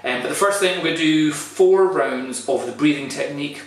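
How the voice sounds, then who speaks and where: A man's voice: fairly high pitch, moderate pace. A man talking casually to camera in a vlog, rambling and thinking aloud. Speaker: vlogger doing a cold-water challenge. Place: echoey indoor room with hard surfaces. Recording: very echoey room, distant mic.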